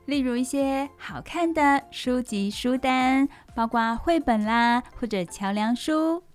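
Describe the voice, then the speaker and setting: A woman with a Taiwanese accent hosting a children's bedtime story show, speaking directly to young listeners with questions and soft sentence endings. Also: sits high, slow pace, faint music behind.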